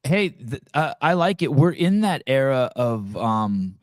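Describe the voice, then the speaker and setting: A podcast host from Santa Cruz, California, runs a casual interview, joking and rambling and frequently stumbling and restarting his sentences. His mid-range voice has big pitch swings and a slightly slow pace. The recording is dry with clean studio sound.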